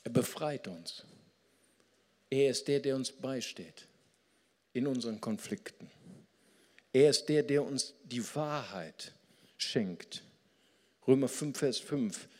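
Man, pastor, sermon, animated delivery, stretched key words, reverberant hall. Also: medium pitch. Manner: animated preaching, slows down to stress key words. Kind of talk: sermon with storytelling.

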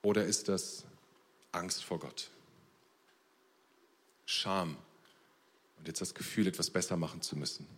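A man preaching a sermon at a church service, earnest, moving between soft and emphatic delivery. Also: low-pitched, a little slow, long pauses, breathy edge. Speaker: pastor. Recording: long reverb of a church hall.

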